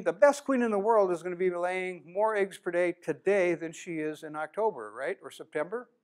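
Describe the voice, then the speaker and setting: This beekeeping presenter, a man from the United States in his sixties, has a high voice and lectures plainly at a conference held in a classroom, putting questions to his listeners throughout.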